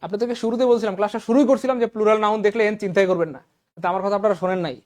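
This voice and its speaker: A man's voice: high-pitched, steady tone, very fast, darkish tone. A man with a Bangladeshi Bengali accent teaching an English grammar lesson, quizzing his class with questions and drilling examples by repetition. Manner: quizzing students with rising questions.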